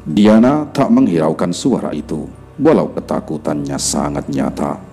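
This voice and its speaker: Deep-voiced male horror narrator. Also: expressive, moderate pace, dark tone. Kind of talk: scripted horror story narration. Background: faint background music.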